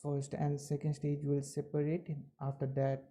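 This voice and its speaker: A man giving live technical commentary as a launch webcast host, with halting, measured phrasing. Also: on the high side, completely flat delivery, dark tone.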